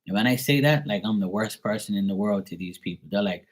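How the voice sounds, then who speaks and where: A Bermudian man speaks in a husky, somewhat low voice. He rants bluntly and swears freely, with the loose, off-the-cuff feel of a livestream host talking to his viewers. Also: quick pace. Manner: blunt, profane, ranting. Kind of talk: casual livestream rant.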